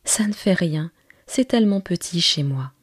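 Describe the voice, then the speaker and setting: A woman voicing a curious, earnest little boy prince from a tiny planet in whispered role-play, raising her voice higher into an eager childlike half-whisper. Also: expressive, normal speed, breathy edge, dry recording, clean studio sound. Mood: wistful.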